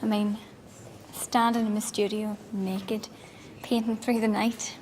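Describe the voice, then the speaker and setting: A woman's voice: medium pitch, level tone, takes it slowly, a little mellow, in a large hall, a little hiss or hum, natural voice. An actress playing a self-absorbed young woman artist who talks earnestly and theatrically about her work. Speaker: artist exhibiting paintings. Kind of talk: sitcom acting. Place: art gallery.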